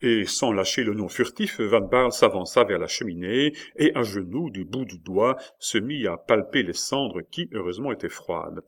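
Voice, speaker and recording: Man narrating a classic novel, low voice. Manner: measured, expressive storytelling. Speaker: audiobook reader. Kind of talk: expressive audiobook narration.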